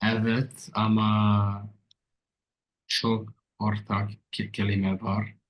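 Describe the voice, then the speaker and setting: A young American man, a native English speaker learning Turkish, giving casual interview answers in halting, broken beginner Turkish with searching pauses. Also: fairly low pitch, monotone, a little hiss or hum, low-quality recording. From United States. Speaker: language student.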